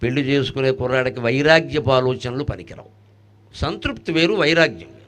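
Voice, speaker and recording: A man giving a devotional discourse, joking, asking rhetorical questions and chanting Sanskrit verses, swinging between loud bursts and soft asides. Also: mid-range voice, expressive, fairly quick. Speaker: spiritual discourse speaker.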